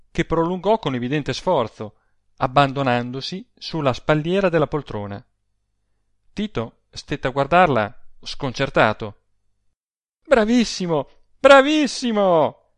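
A man narrating a story in a calm, even audiobook reading. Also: mid-range voice, no room sound, studio quality.

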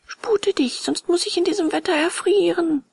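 A woman voicing a naughty young wooden puppet boy in a storybook, with a high, raspy voice. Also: normal speed, darkish tone, dry recording. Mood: pleading.

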